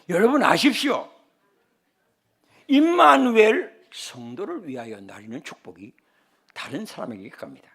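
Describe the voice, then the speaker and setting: An older senior pastor from the Chungcheong region of South Korea preaches a sermon animatedly, sharing humorous personal stories. His voice sits high and is husky with vocal fry.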